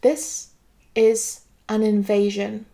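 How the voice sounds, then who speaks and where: A woman's voice: mid-range voice, flat delivery, takes it slowly, gravelly, warm tone. A woman from Greece delivering an earnest, lecturing monologue. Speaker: political video commentator. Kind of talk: scripted monologue to camera.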